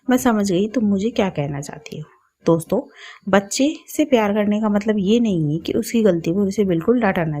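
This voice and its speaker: A woman narrating a scripted moral story as a channel host, in a plain, steady storytelling voice. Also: mid-range voice, breathy edge.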